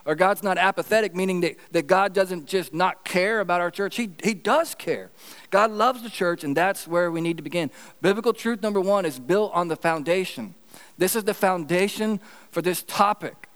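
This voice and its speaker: High-voiced preaching pastor in a reverberant hall. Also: male voice, normal speed, fairly bright tone. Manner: earnest preaching with repeated emphatic phrases. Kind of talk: sermon.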